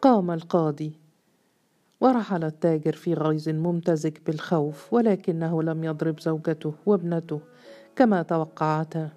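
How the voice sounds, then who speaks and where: A woman reading a historical novel aloud as an audiobook narrator, in a measured storytelling manner. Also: low voice, mellow.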